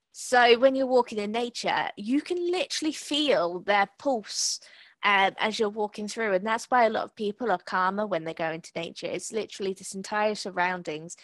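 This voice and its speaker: A woman's voice: mid-range voice, a bit bright, dry recording. A woman co-hosting an art podcast over a video call, talking through her artwork in a rambling, reflective way with lots of fillers. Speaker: podcast co-host and artist. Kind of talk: casual talk about her artwork.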